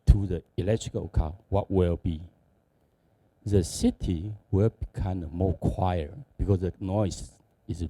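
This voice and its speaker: A man from Taiwan with a Taiwanese accent, speaking non-native English haltingly as he gives a conference presentation. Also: sits low, dark tone, no room sound. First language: not English. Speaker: conference speaker, company executive.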